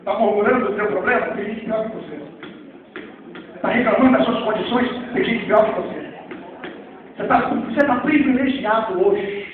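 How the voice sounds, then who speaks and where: A man with a Rio de Janeiro Portuguese accent preaching a Pentecostal sermon, swinging from hushed asides to shouted exclamations. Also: high-pitched, moderate pace, long pauses, phone-quality sound, a crowd in the background. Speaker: pastor. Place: church hall. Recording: echoey, far-off hall recording with faint noise.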